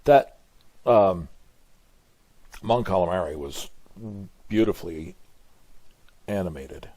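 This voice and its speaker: A man's voice: sits low, animated, slow pace, mellow. An older man with a grandfatherly, hesitant manner, musing aloud in casual reaction commentary. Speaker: video host reacting to a game trailer. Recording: music behind the voice. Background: music from a game trailer.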